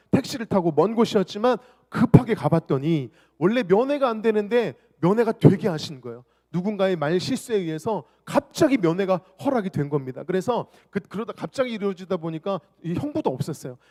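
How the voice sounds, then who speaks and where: High-voiced earnest pastor in a reverberant church. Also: male voice. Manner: earnest storytelling, addressing the congregation directly. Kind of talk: evangelistic sermon with testimony. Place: church sanctuary. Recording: long church reverb with music underneath. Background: soft worship music.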